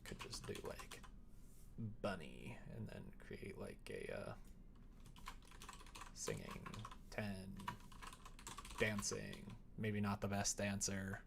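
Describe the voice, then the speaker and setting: A man livestreaming game development sits at his indoor computer desk, chatting casually and thinking aloud in a rambling, playful way as he works. His lowish voice is very animated but slow, with vocal fry and frequent pauses, over a noisy background.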